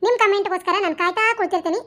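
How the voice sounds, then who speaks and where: Super high bright channel host voice begging for likes, folksy north karnataka accent. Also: fairly even intonation, racing. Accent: North Karnataka Kannada. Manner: pleading, folksy. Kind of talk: channel outro appeal.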